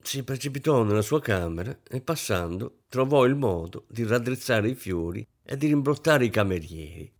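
A man narrating a novel as an audiobook in a measured, expressive way. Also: mid-range voice.

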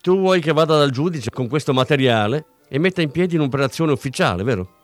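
Narrator playing a brusque veteran cop, lively. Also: male voice, fairly high pitch, fast, dry recording, soft background music, natural voice. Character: gruff senior police chief, no-nonsense.

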